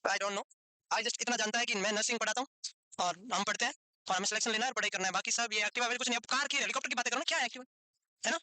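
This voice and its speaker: Male nursing teacher, high bright voice, quick, teasing and chatty in class. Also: dry recording. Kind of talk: classroom lecture with joking asides.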